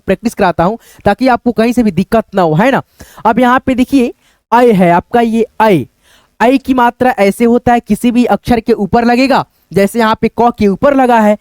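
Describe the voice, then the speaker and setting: High, clear-voiced male teacher. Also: darkish tone, no echo. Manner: repeats questions to viewers, addresses them as friends. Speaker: English teacher. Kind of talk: step-by-step spelling lesson.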